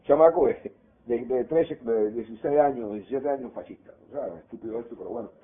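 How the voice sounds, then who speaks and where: An older Cuban man with a Cuban Spanish accent recalls his school days in an oral history interview. His medium-pitched voice moves fairly quickly and animatedly, often trailing off into quieter asides. The audio sounds tinny, like a phone line.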